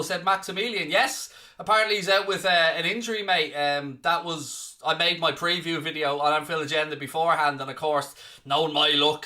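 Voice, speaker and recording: This is a high, sharp-toned male voice. An Irish man from the southeast of Ireland is filling in as host of a live football watchalong stream, reading the comments and trading cheeky banter with the chat.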